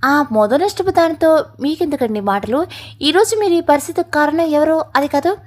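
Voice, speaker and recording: A harsh, bitter middle-aged mother, as a woman reader puts her on, voiced high and sharp-tongued. She scolds in a scornful, biting way, as in a spoken family storybook. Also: animated, moderate pace. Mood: scolding.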